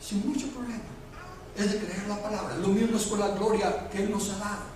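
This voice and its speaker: Male pastor, high-pitched, lively storytelling sermon, picked up from afar in a reverberant hall. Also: brisk, background noise. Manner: animated storytelling that builds to shouting. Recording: echoey hall recorded from far off.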